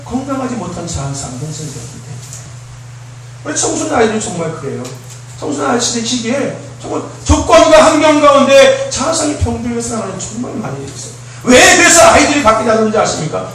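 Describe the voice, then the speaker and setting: A man's voice: high voice, fairly bright tone, a little hiss or hum. A man preaching a sermon in a church, emphatic and often asking the congregation questions. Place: church sanctuary. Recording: very echoey hall, distant mic.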